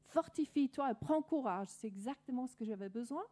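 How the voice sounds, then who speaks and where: Danish-accented woman giving a soft testimony. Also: a little high, expressive, a little fast. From Denmark. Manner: earnest, storytelling with many restarts and fillers. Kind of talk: personal testimony.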